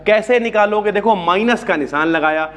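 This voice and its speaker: High-voiced chatty chemistry teacher. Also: male voice, normal speed, a bit bright. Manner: chatty, calls students brother, asks and answers own questions. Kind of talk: classroom lecture. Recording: long hall reverb.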